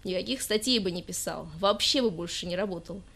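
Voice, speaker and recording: A woman voicing a drunk, self-pitying young male poet who rants in a loud, drawn-out, whiny way. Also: on the low side, creaky. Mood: pompous sulking.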